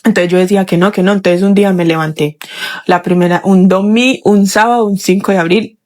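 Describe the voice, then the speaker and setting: A woman's voice: medium pitch, steady tone, a little fast, darkish tone. Young woman, listener testimony, voice message, rambling, emotional, lots of restarts and false starts. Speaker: podcast listener sharing a testimony.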